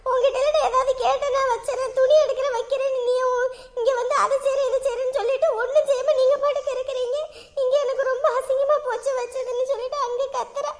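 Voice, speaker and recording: Tearful mother with a very high, thin voice, pleading and defensive, played by a woman. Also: little pitch movement, fast. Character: distraught middle-aged mother, tearful and defensive. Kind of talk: family drama acting.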